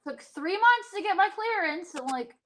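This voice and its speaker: High, bright-voiced woman from Virginia. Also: expressive, moderate pace, a little hiss or hum. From Virginia, USA. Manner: rambling, many fillers and restarts. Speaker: livestream co-host. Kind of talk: casual chat.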